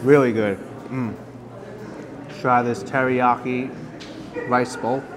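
A man with a mid-range voice narrates a casual food vlog slowly and in a steady tone, tasting dish after dish at a roadside restaurant in a hot desert town. He savors every bite with enthusiastic remarks as crowd noise carries on behind him.

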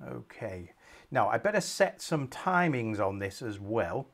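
This middle-aged man has a fairly low voice and a measured pace as he presents a screen-recorded software tutorial. Working from a small home office, he calmly moves through each step with many ums.

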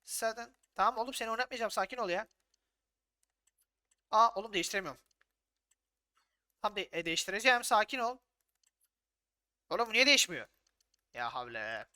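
A man commentating his own football video game session in a casual, excitable way, swearing freely, arguing with his players and calling the action like a match announcer. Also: sits high, brisk, long pauses, smooth. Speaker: gaming YouTuber.

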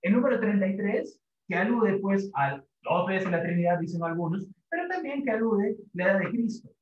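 A man's voice: high-pitched, very animated, a little fast, echoey room, a little hiss or hum. A man teaches his class in a slightly raised voice, circling back over each point and checking in with rhetorical tags. The room rings around him, and the recording sounds dull and lo-fi. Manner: repetitive, rhetorical "¿no?" tags, many fillers. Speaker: literature teacher. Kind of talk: classroom lecture.

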